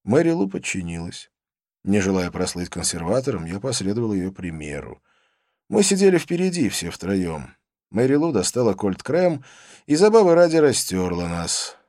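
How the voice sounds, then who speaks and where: A man's voice: on the low side, very animated, moderate pace, a little mellow, dry recording, clean studio sound. A man narrating a first-person novel as an audiobook, reading expressively.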